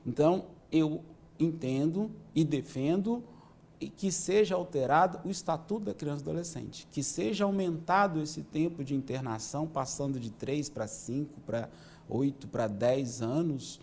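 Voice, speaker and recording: A man, a police chief answering interview questions in a measured, explanatory way, often adding "né". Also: fairly high pitch, gravelly, darkish tone, a little hiss or hum. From Minas Gerais, Brazil. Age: 50s. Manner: measured, explanatory, with many "né" tags.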